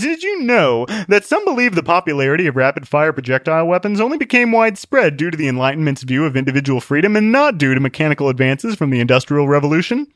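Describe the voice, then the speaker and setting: A man voicing a smug, pompous know-it-all villain who drawls his lectures slowly. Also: fairly high pitch, fairly bright tone, dry recording, studio quality, voice pushed up. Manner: slow, drawn-out and pompous.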